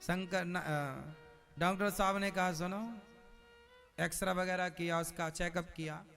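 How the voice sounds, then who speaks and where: High, bright-voiced male preacher telling a parable. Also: fairly even intonation, a little slow, gravelly, soft background music. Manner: preaching, questions the audience directly. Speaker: spiritual preacher. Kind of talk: devotional katha sermon with storytelling.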